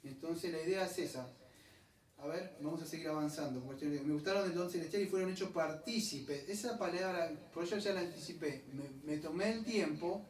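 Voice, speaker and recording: A male pastor, preaching a conversational sermon. He digresses often and spells out Greek words slowly. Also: a little high. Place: church hall. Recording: echoey room, distant mic, faint ambient noise.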